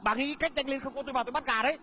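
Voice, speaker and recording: An actor playing a grumbling, bossy rural husband in a stage comedy sketch, nagging with sharp questions. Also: male voice, very high voice, steady tone, rapid-fire, very noisy.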